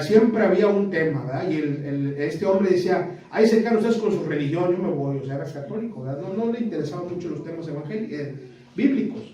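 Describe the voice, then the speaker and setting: High-voiced pastor preaching in an echoey hall. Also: male voice. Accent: northern Mexican. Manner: storytelling, swings from hushed to shouting. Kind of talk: sermon. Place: large echoey church hall. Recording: echoey church hall, far from mic.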